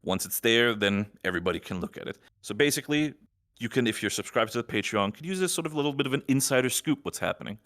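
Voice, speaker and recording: A man's voice: medium pitch, expressive, fast talker, fairly bright tone. A man on the project's admin team giving a podcast status update, rambling and reassuring as he explains plans.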